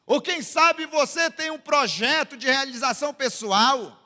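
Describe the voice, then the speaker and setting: Brazilian pastor guy preaching, high voice swinging all over, slow drawn-out delivery. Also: animated, bright, forceful tone, long reverb tail. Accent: Brazilian Portuguese. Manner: dramatic preaching, voicing the scripture lines. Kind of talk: sermon. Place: church.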